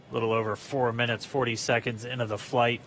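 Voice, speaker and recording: Male live launch host, forceful bright tone, even delivery, faint noise behind. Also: medium pitch, fairly quick.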